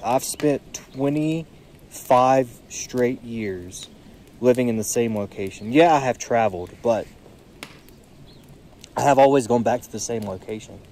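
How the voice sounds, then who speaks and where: A man's voice: medium pitch, mellow, slight background noise. Tired young man musing outdoors. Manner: musing, fills pauses with "you know". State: tired, yawning. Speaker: podcast vlogger. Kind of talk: reflective solo monologue. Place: outdoors, seated beside a creek. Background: faint creek water and birdsong.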